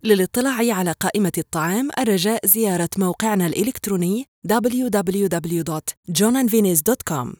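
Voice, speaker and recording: Brisk, polite woman reading phone prompts. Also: mid-range voice, a little mellow, no room sound, studio quality. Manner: polite, formal, clearly enunciated. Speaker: phone system voice prompt announcer. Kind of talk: scripted phone menu prompts.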